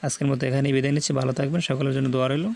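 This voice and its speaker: A man with a Bangladeshi Bengali accent teaching Quran reading. He spells out syllables slowly and deliberately, and asks the viewers to repeat after him. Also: mid-range voice, level tone, vocal fry, darkish tone. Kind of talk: slow spelled-out recitation lesson.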